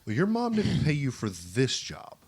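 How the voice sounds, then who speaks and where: A man's voice: mid-range voice, wildly swooping pitch, normal speed, darkish tone, breathy edge. A man running a tabletop game as game master, playful and teasing his players.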